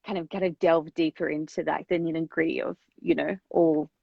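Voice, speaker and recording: A woman's voice: deep voice, level tone, brisk, gravelly, husky, no room sound. A woman interviewing a guest over a video call, her voice cutting in and out on a bad connection while she hesitates with many fillers. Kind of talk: casual interview chat. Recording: dull, lo-fi video call audio.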